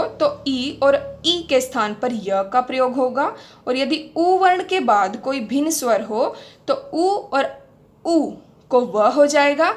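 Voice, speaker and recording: Slow, high-voiced young woman teacher. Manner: patient, repeats sounds slowly and asks questions back. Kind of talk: explaining grammar step by step.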